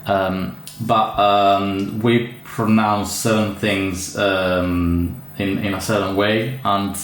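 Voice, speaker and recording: A man's voice: fairly low pitch, little pitch movement, slow pace, a bit bright. A man with an Italian accent, an orchid grower chatting casually through an unboxing, hesitant with many fillers and restarts. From Italy. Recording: echoey room with faint ambient noise.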